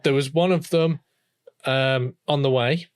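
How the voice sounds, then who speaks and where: Give me a podcast co-host who tells a story slowly and easily, full of ums. The voice sits at a middle pitch. The sound is dry and close, with no room in it. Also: clear, resonant tone, dry recording. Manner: relaxed, drawn-out storytelling with fillers. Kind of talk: casual chat.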